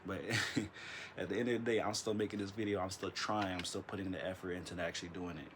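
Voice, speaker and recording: A man with a slightly low voice rambles through a late-night vlog, stammering, restarting and calling the viewer "bro" again and again. He records in a dark room straight into an iPad's built-in mic, with faint ambient noise behind him. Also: fairly even intonation, fast. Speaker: vlogger. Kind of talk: casual late-night monologue. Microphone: iPad built-in mic.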